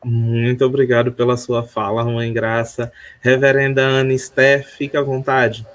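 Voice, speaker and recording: A man moderating a live-streamed panel, introducing guests in a courteous, relaxed way. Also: mid-range voice, moderate pace.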